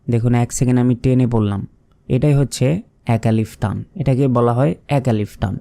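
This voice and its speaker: Male Quran teacher with a Bangladeshi Bengali accent, warm and clear, drills each letter patiently. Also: medium pitch. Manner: patient, repeats each letter sound slowly. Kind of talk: step-by-step recitation lesson.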